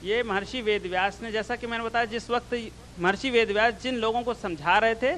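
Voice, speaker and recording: A man's voice: high-pitched, a little fast, a bit bright, a little hiss or hum, poor audio. A man giving a public religious talk and answering audience questions, explaining earnestly and rising in emphasis.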